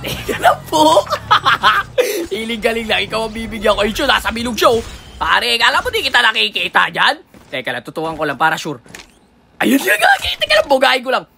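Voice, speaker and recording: A woman from the Philippines calls a shooter match live, her high voice swinging wildly up and down. She is excitable and slangy, bursting into shouts, with a gravelly fry at the edges. Game music plays clearly underneath. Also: fairly quick. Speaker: gaming streamer. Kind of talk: excited live gameplay commentary. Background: game music and sounds.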